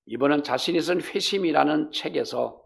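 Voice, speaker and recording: A male pastor with a gravelly voice, preaching a fervent sermon that swings between loud exhortation and hushed storytelling. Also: fairly high pitch, normal speed.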